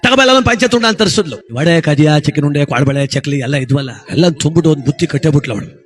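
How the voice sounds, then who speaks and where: A man's voice: a little high, animated, quick pace, faint music behind. A man telling a folk tale with chatty, amused asides. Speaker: storyteller.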